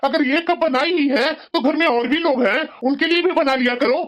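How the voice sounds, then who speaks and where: A woman's voice: high-pitched, moderate pace, natural voice. A woman doing a scolding young husband. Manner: scolding, lecturing. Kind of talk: Hindi cartoon voice acting.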